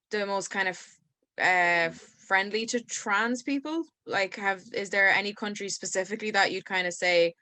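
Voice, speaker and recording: Bright-voiced upbeat woman host. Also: mid-range voice, no echo. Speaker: podcast host. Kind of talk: interview hosting.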